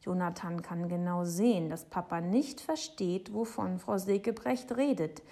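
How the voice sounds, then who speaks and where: Female audiobook narrator, intimate hushed storytelling. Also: lowish voice, a little slow. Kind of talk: children's book narration.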